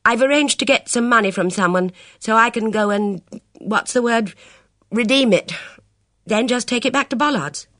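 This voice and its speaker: A woman's voice: fairly high pitch, normal speed, fairly bright tone, no room sound, studio quality, voice pushed up, natural voice. A woman reading an audiobook, voicing a cool, guarded young woman who speaks in a clipped, composed and grim way.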